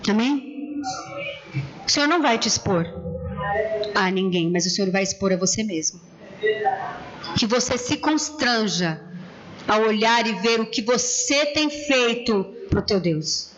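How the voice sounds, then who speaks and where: A woman pastor preaching a sermon in church, telling personal stories in a conversational, animated way. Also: medium pitch, measured pace, muffled recording, slight background noise.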